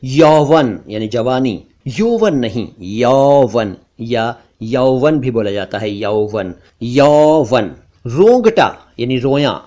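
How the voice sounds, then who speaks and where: Man, pronunciation teacher, slow measured drilling, repeats words to contrast. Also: mid-range voice, lively intonation, warm tone. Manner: slow, deliberate word-by-word drilling, contrasting wrong and right forms. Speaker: language teacher. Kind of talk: pronunciation lesson.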